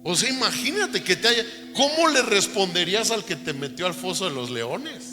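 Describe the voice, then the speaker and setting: A male pastor preaching a sermon, slowly reading scripture aloud and then explaining it in plain talk, rising to loud, emphatic passages. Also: sits high, very animated, long reverb tail, music in the background. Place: church sanctuary.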